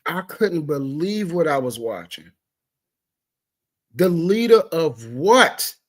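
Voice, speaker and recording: A man's voice: on the high side, animated, slow pace. A man on a livestream talk show, ranting in a heated, profane way, stammering through restarts and breaking off to apologize again and again. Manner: stammering restarts when upset. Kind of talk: impassioned livestream commentary.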